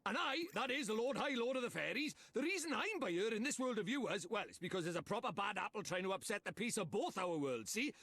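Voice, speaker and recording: Drippy, a cocky Welsh fairy lord. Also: male voice, high-pitched, animated, fairly bright tone, no echo, exaggerated voice. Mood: brash. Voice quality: fast-talking, cheeky, blustering. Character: small cocky male fairy lord, brash. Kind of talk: video game voice acting. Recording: faint game music behind.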